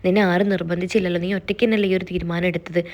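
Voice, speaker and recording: A woman voicing a gentle, grieving father who questions his daughter softly. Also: fairly low pitch, little pitch movement, racing, close to an everyday voice.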